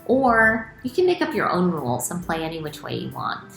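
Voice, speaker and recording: Speaking at an even, moderate pace in a lowish voice, a middle-aged children's author reads and explains things expressively, plainly talking to children. She's indoors in a small room at home, where the sound echoes and soft music plays behind her.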